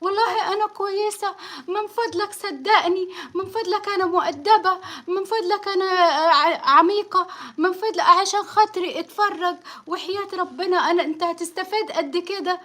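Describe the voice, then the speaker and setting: A woman's voice: very high voice, fairly quick, sharp tone, pitched above the performer's own voice. A woman with an Egyptian accent mimicking a pleading, mock-sweet version of herself begging to be believed. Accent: Egyptian Arabic.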